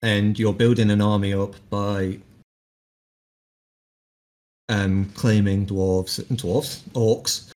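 A man's voice: lowish voice, slow pace. A man co-hosting a podcast, casually retelling stories with plenty of ums. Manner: relaxed storyteller, uses lots of fillers. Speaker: podcast co-host. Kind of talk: casual chat.

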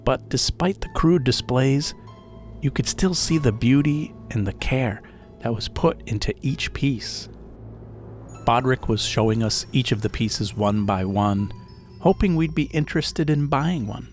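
A man's voice: mid-range voice, measured pace, soft background music. A man narrating a first-person story as a podcast host, in a casual, chatty way with asides to the listener.

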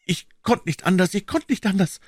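A man voicing a broken, weeping middle-aged drifter who is accused of murder and pleads in a high, strained voice. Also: animated, brisk, husky, dry recording, clean studio sound. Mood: despairing.

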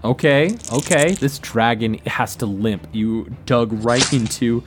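A man's voice: mid-range voice, measured pace, background noise. A man acting as game master, improvising narration for a tabletop game.

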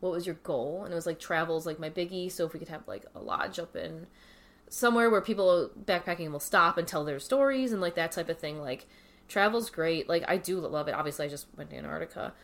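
Lower-voiced woman chatting in a cabin. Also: expressive, fairly quick, a bit bright. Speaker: podcast guest. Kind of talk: casual, reflective personal chat. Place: indoors in a wooden cabin.

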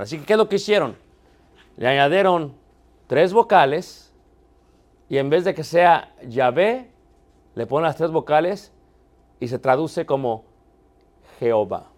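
A man teaching a theology class, asking the students questions and checking that they are following. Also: fairly high pitch. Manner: poses rhetorical questions and answers them himself. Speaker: Bible teacher.

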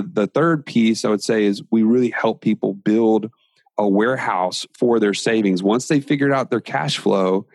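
A man with a lowish voice lays out steps in a podcast interview, methodical but sometimes lively. The sound is dry and close to the mic, with no room behind it. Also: no room sound. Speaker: guest entrepreneur.

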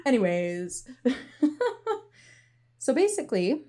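A woman's voice: medium pitch, sing-song, takes it slowly, warm tone. A woman co-hosting a podcast in casual chat, talkative and giggly, with lots of "like". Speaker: podcast co-host.

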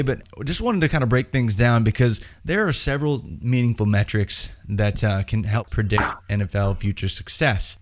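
An American man hosts a sports podcast in a conversational style. His voice sits at an average pitch for a man, and he talks as someone chatting with a guest. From Indiana, United States. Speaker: podcast host.

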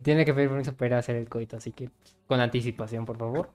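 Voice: mid-range voice, steady tone, racing, darkish tone. A Mexican podcast host chatting casually and crudely, joking with plenty of slang and swearing. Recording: music behind the voice. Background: music.

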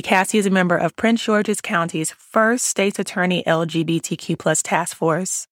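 Low-voiced female podcast host, dry sound. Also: no echo. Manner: reads the guest bio smoothly, then asks relaxed questions. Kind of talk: scripted introduction then interview.

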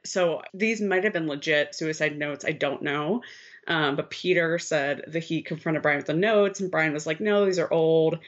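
A woman's voice: low voice, moderate pace. Candid swearing woman podcast co-host. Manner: candid and expressive, swears freely. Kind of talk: casual conversational storytelling. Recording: slightly muffled lo-fi sound.

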